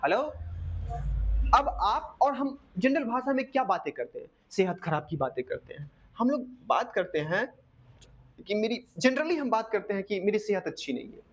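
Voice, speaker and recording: A woman's voice: medium pitch, very animated, moderate pace, breathy edge. A woman giving a motivational lesson, putting questions to her listeners and answering them herself. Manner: calls listeners "dear my champion". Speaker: motivational coach.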